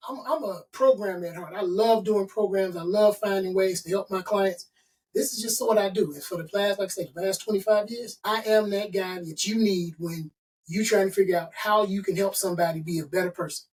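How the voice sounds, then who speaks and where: In an interview conversation, a middle-aged consultant and author from Chicago talks brisk and emphatic, motivating his listeners while ticking off points in lists. The voice sits high with a darkish tone, recorded from a distance in poor audio.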